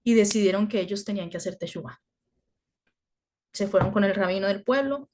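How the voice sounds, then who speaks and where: A woman teaching through a story, acting out the quoted voices with lively expression. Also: medium pitch, brisk, slight background noise. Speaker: religious teacher. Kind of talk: storytelling lesson.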